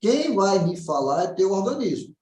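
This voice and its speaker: Speaking as a naturopath in an informal health consultation, a Brazilian man answers questions and keeps checking that he's being followed. His high voice has a sing-song, slightly mellow lilt at a moderate pace, with echo from the room around him.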